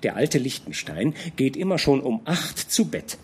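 A man voicing a gossiping middle-aged female innkeeper who spreads scandal in a hushed, eager way. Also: very animated, a little slow, breathy edge, exaggerated voice. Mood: chatty. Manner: chatty, conspiratorial, hushed to shrill.

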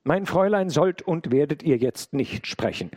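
A stern, defiant housekeeper woman, as a male reader puts her on, with her voice lifted high and loud above his usual tone. She speaks firmly and commandingly, with a husky grain and a swooping, lively pitch. The sound is dry and close. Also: normal speed, no room sound. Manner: firm, commanding, rising to cries for help.

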